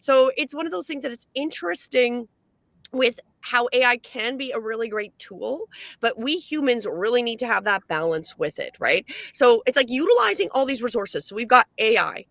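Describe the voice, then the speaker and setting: A woman's voice: on the high side, very animated, moderate pace, vocal fry, fairly bright tone, no echo. A Canadian woman co-hosting a live online show, explaining things in long upbeat run-on stretches. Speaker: co-host. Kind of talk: casual livestream chat.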